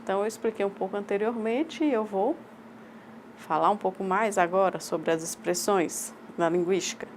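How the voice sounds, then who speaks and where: A woman with a Brazilian accent voicing a sign language teacher's lecture aloud, in measured, halting short phrases. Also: mid-range voice, slight background noise. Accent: Brazilian Portuguese. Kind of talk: voiced interpretation of a lecture.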